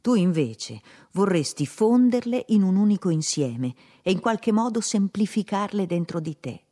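A woman reading aloud from a diary in a measured, reflective way. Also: mid-range voice, expressive, mellow. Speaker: reader. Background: faint music.

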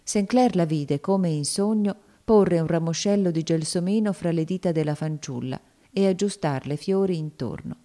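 Low-voiced woman narrating solemnly. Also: normal speed, dark tone. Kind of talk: scripted audiobook narration.

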